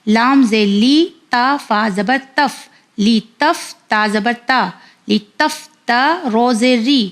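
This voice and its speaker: A woman's voice: a little high, takes it slowly. A woman teaching Quran reading to children, spelling out syllables one by one, repeating them and correcting common mistakes. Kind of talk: slow spelled-out recitation lesson.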